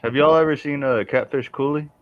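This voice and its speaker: A man's voice: a little high, a little fast, highs cut off. A man on a podcast panel, chatting casually with crude jokes and slangy profanity. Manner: animated, slangy, crude joking.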